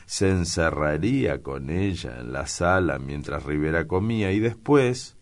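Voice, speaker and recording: A man with a very deep voice reading the part of a witty young man who teases his friends, in a bantering, mischievous manner. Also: expressive, unhurried, full character voice. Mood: teasing.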